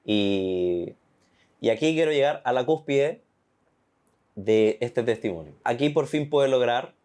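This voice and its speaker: A young man with a Chilean accent giving an earnest, animated personal faith testimony. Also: medium pitch, a little slow. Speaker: testimony guest.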